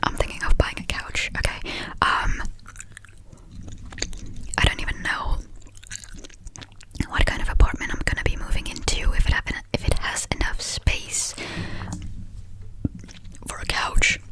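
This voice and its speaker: A young woman from Finland whispering a fast, scattered, casual ASMR ramble with breathy delivery and frequent hesitations while chewing gum. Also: low-quality recording. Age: young adult, about 18. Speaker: ASMR creator.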